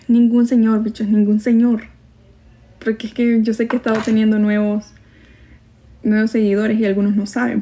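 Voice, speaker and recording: A woman's voice: fairly high pitch, mellow. Chatty Salvadoran woman streaming live. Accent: Salvadoran Spanish with some Mexican. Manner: chatty, gossipy, laughs easily; reads viewer comments aloud. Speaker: livestream host. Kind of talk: casual live-stream chat.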